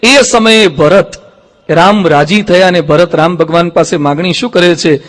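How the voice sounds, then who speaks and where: Monk guy giving a sermon, high voice, acts out the story characters, long echo in the hall. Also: moderate pace. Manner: lively storyteller who acts out quoted speech. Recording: reverberant hall.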